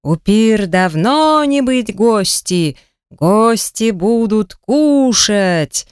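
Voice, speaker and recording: A lumbering, slow-witted swamp troll booms out his broken phrases, every word stretched long, as a woman reader acts him out. The voice sits higher and louder than her usual reading and sounds oddly unlike her own. The recording is dry and close. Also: animated, clean tone, no echo. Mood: bellowing. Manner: slow, drawn-out broken speech. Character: hulking dim-witted male swamp troll. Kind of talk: audiobook character voice.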